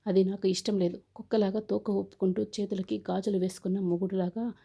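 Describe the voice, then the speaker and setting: A woman's voice: mid-range voice, little pitch movement, fairly quick, gravelly, mellow, slightly rough. A woman reading the lines of a proud, defiant young man who calls off his wedding, in a scornful, lecturing way.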